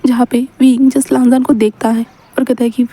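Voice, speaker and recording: A woman's voice: fairly high pitch, flat delivery, moderate pace, dark tone. A woman casually narrating a romance fan story, mixing Hindi with English words and quoting the characters' lines. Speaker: storyteller retelling fan fiction.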